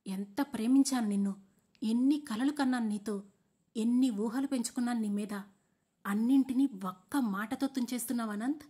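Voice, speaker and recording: A woman voicing a heartbroken young fiancée who pleads and demands loudly. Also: on the high side, fairly quick, lightly acted. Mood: distraught. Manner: pleading, rising to loud demands.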